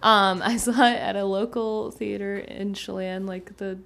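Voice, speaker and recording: A woman's voice: mid-range voice, fairly even intonation, measured pace, vocal fry, a bit bright. A woman co-hosting a podcast, talking casually with many ums and likes. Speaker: podcast co-host. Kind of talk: casual chat.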